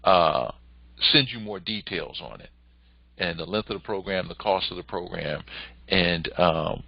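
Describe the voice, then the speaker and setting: A man hosting a casual motivational talk, coaching would-be entrepreneurs and raising his pitch when he quotes other people. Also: measured pace, vocal fry, no echo, muffled recording. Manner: animated, rises in pitch when quoting others.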